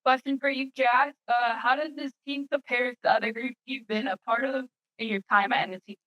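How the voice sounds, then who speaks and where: A woman acting as interviewer, putting questions to players in a brisk, to-the-point way. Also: on the high side, steady tone, dull audio.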